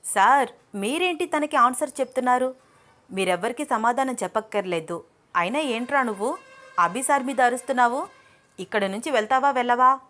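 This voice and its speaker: A woman voicing a bold, quick-tongued young woman in an audio story, teasing and sharp-spoken. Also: on the high side, lively intonation, voice pushed up. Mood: indignant. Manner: teasing, then sharp and scolding.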